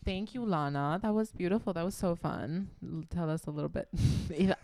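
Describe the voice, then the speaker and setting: A woman's voice: fairly low pitch, a little fast, a little mellow, slight background noise. A woman hosting a casual radio chat, talking in a sassy, slangy and encouraging way. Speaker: host.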